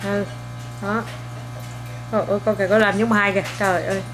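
A young woman, a mother filming a casual home vlog, coaxing, teasing and gently scolding her child while talking to viewers. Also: mid-range voice, little pitch movement, brisk, background noise.

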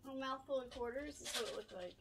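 A woman's voice: high voice, quick pace, creaky, very noisy. A young woman streaming a game, chatting casually and giggling as she talks back to her viewers. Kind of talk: casual chat while gaming.

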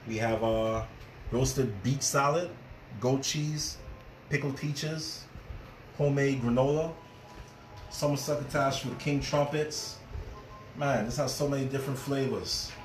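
Unhurried and pausing frequently, a male chef hosts a casual cooking demo in a mid-range voice with fairly even intonation. He chats freely, repeats phrases for emphasis, and has light background noise behind him.

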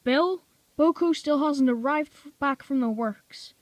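A stern, portly male railway boss from a homemade toy-train storybook, put on by a woman reader, slow and emphatic. He gives firm, clipped orders in a voice set a little above her own. The recording is dry and close. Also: high-pitched, no room sound, voice pushed up.

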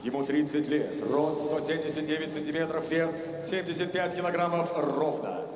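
A man introducing fighters as a ring announcer, stretching and shouting out their names. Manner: booming, drawn-out shouted names. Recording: echoey arena over crowd noise.

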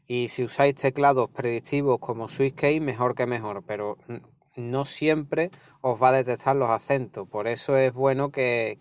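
A man's voice: medium pitch, clean tone, dry recording. A man with a Spanish accent from Spain, hosting a casual tech tutorial and explaining step by step, checking in with his viewers as he goes. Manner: relaxed, explaining step by step with frequent "¿vale?" and "¿veis?". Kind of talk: casual screen-recorded tutorial.

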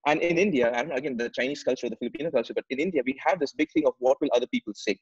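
A man in his thirties from Dubai speaks very fast in a medium-pitched, expressive voice that is a little mellow and husky. He's a podcast guest earnestly telling his story in a conversational way over a video call, often repeating words as he gropes for phrasing. He's in a home room with plants and shelves, and the audio is slightly muffled.

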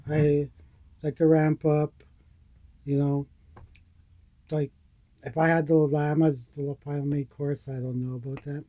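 A man with a husky, slightly higher voice chats in a laid-back, rambling way while reacting to a video. The sound is dry and close, as from a webcam in a small room. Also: little pitch movement, a little slow, long pauses, dark tone, no room sound. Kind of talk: casual reaction chat. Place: small indoor room with posters.

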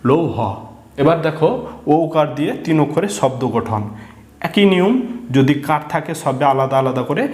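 A man's voice: mid-range voice, a little mellow. A man teaching a children's reading lesson, spelling out each step patiently and repeating it. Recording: echoey room.

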